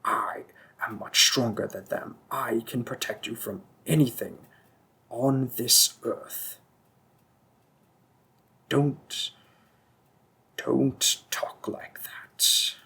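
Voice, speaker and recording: Slow, teasing and insistent, a man voices a seductive, possessive male demon king for an audio roleplay, keeping things soft and frequently whispered. The performance is heavily acted, in a mid-range voice that is creaky and husky.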